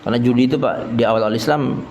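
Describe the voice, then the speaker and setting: This is a folksy study sermon in a prayer hall by a religious teacher from East Java, Indonesia, who keeps saying "sir" to his listeners and laughs at his own jokes. He speaks very fast in a slightly mellow, mid-range voice, and the recording is echoey with faint noise.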